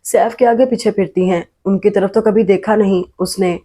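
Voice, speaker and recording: A woman's voice: medium pitch, steady tone, lightly acted. A woman reading the part of an arrogant, cruel wealthy mother with a scornful manner, in a story reading. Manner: scornful, shouting. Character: haughty rich older mother, arrogant and cruel.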